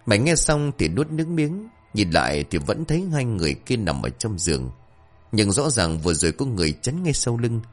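Expressive man telling a ghost story. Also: lowish voice. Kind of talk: scripted ghost story narration. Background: faint music.

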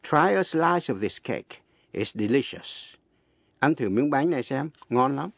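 Male radio teacher, slow and deliberate, spells out words one letter at a time, dull lo-fi broadcast sound, dry. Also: medium pitch, lively intonation, creaky, no echo. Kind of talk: radio language lesson.

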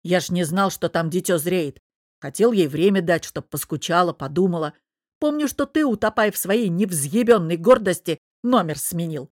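A woman voicing a blunt, foul-mouthed male friend, reading him in a rough, bossy way in an audiobook. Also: fairly low pitch, animated, normal speed, no room sound, studio quality. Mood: gruff. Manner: crude, swearing, bossy. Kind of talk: audiobook character voice.

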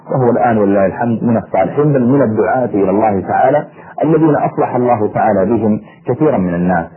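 A man preaching an impassioned sermon to his listeners, acting out the voices in the stories he tells. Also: medium pitch. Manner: impassioned, acts out dialogue. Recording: tinny phone-like radio sound.

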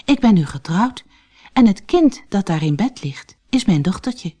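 A woman reading a storybook aloud, voicing a gentle, sensible girl who speaks softly and earnestly. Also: medium pitch, big pitch swings, measured pace, pitched above the performer's own voice.

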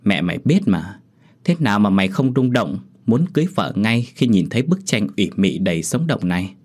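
A man's voice: lowish voice, very animated, brisk, darkish tone. A man voicing a pushy older mother who scolds and nags her grown son, in an audio horror story. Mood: chiding. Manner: nagging, chiding.

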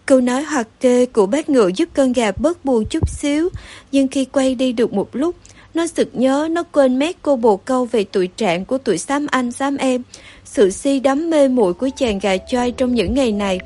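A woman narrating a children's story aloud in a steady, expressive storytelling manner. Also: sits high, normal speed, dry recording. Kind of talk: audiobook story reading.

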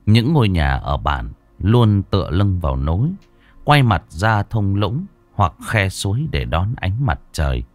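A man narrating an audiobook story in an expressive, storytelling way. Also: low voice, measured pace, no echo, faint music behind. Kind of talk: scripted narration.

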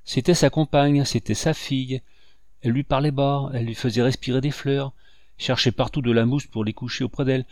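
A man voicing a gentle, grieving father in a storybook reading, earnest and tender as he lectures his nephew. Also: mid-range voice, fairly even intonation, a little fast, no room sound, studio quality, lightly acted.

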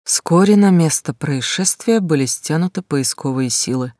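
An audiobook narrator reading a crime story in an even, measured way. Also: medium pitch, dry recording, studio quality.

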